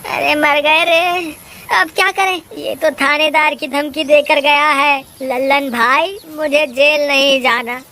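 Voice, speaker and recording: A woman's voice: sits high, fairly even intonation, slow pace, bright, forceful tone, full character voice. A woman voicing a panicky, bossy village trickster man in a cartoon, who wails and whines. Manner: whiny, panicky wailing. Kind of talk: Hindi cartoon voice acting.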